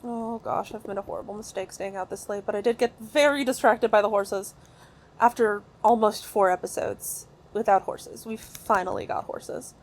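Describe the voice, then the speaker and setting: A woman giving casual, excitable gameplay commentary from her recording room at home, rambling with many fillers and restarts. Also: mid-range voice, moderate pace. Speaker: gaming video creator.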